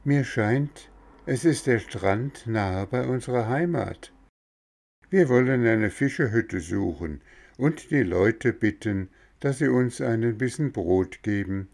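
A man voicing a tired, weak old father who talks slowly and wearily, in a storybook reading. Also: mid-range voice, expressive, vocal fry, darkish tone, voice pushed up, exaggerated voice. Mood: weary. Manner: weary, hopeful.

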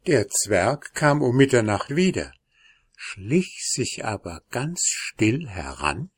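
A man reading a fairy tale aloud in a slow, measured way. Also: medium pitch, big pitch swings, husky, no room sound, clean studio sound. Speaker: narrator.

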